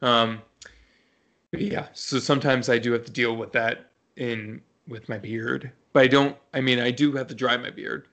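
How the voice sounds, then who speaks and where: A man's voice: mid-range voice, steady tone, normal speed, fairly bright tone. A man co-hosting a podcast, chatting informally and restarting mid-thought as he talks. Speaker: podcast co-host. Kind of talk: casual podcast chat.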